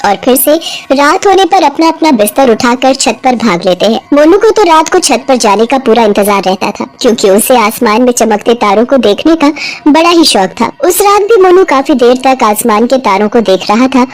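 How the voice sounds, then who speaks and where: A woman narrating a cartoon story in an expressive, lively storytelling manner. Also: fairly high pitch, moderate pace.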